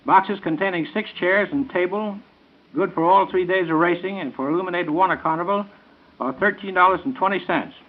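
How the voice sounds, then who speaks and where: An American man with a high voice delivers scripted event announcements as a radio show announcer, in the 1930s radio style. He speaks a little fast, and the studio recording sounds tinny and narrow like a 1930s broadcast.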